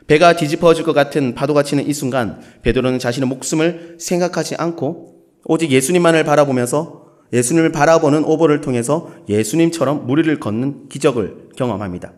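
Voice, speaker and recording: A man's voice: fairly high pitch, fairly quick. A male pastor with a Gyeongsang accent, preaching a sermon in a playful way and acting out short quotes. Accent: Gyeongsang Korean. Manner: playful, with lively acted quotes.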